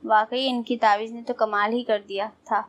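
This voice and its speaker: Even-toned woman reading a story. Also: on the high side, muffled recording. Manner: steady storytelling read. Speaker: audio novel narrator. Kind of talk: scripted narration.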